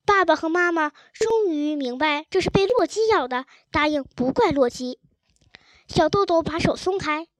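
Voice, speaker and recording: A woman narrating a children's storybook chapter with a gentle, expressive reading. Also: high-pitched, dry recording. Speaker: audiobook narrator.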